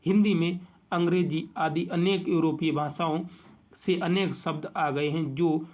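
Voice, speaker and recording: A man teaching an exam-prep grammar lesson, reading out definitions and slowly stretching each vowel he lists. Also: a little high, steady tone, darkish tone.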